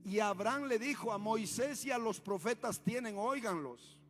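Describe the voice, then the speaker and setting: Honduran pastor, high tenor, impassioned sing-song preaching over clear backing music. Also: male voice, normal speed, a bit bright. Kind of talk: revival sermon. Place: church.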